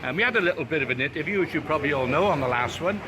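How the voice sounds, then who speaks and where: Out on a crowded street, an older interviewer from Wales chats casually in a voice on the high side, expressive and rapid-fire. Laughter and plenty of ums and uhs run through his talk.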